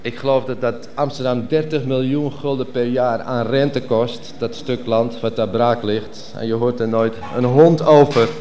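A man's voice: medium pitch, fairly even intonation, unhurried, few pauses, dark tone. A man performing his own poetry theatrically, switching between characters. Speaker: poet.

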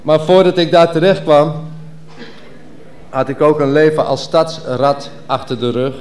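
A man's voice: fairly high pitch, steady tone, measured pace, a little mellow. A man performing his own poetry theatrically, switching between characters. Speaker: poet.

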